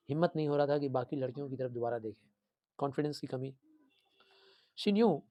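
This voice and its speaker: Animated male teacher retelling a story. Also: fairly high pitch, no room sound. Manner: animated storytelling, code-switching, repeating for emphasis. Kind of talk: explaining a story to students.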